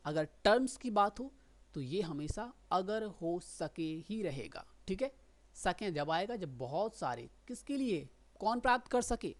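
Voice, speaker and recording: A woman's voice: on the low side, sing-song, unhurried. A woman teaching shorthand, explaining patiently and often checking that listeners follow. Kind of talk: explanatory lesson.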